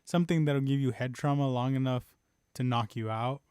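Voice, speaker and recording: A man hosting a podcast in casual chat, telling a story with lots of laughter and animated voices. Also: medium pitch, fairly quick, clean tone, dry recording, clean studio sound. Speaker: podcast host. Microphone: desk microphone on stand.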